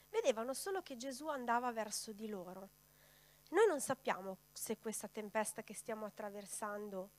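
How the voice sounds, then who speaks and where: A woman preacher delivering a sermon, putting rhetorical questions straight to her congregation. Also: mid-range voice.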